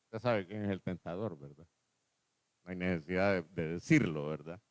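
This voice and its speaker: Pastor preaching, dry close sound. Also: male voice, sits low, no echo. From El Salvador. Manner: asks the congregation questions, repeats key phrases; slows down and drops his voice on key words. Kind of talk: sermon.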